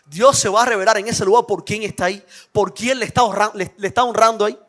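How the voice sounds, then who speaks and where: A man preaching a sermon, telling a Bible story dramatically and building to loud, fervent exhortation. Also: sits high, steady tone, fast. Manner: dramatic storytelling, acting out the characters' lines.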